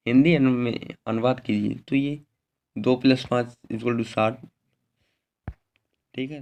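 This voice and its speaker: A male teacher going through an exam paper step by step, repeating each answer and checking in with a short confirming word. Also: mid-range voice. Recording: slightly dull lo-fi recording with faint noise.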